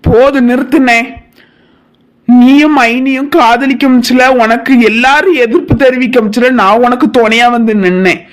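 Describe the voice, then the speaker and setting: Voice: mid-range voice, normal speed, lightly acted. A performer voicing an earnest younger brother in a cartoon family drama, pleading and reasoning in defence of his wife.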